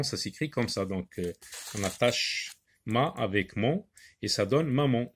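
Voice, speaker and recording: Guy teaching kids to read, sounds out syllables super slow, leans hard on repeats, mid pitch. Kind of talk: classroom reading lesson.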